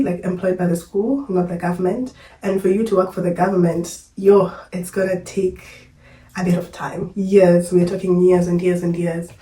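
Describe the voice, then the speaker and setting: Feeling unwell and slightly breathless, a young adult Kenyan woman shares a personal story with her camera, candid and chatty, using "like" and "yo" as fillers. Her voice is fairly low and mellow, captured from a distance in a roomy space with poor sound quality.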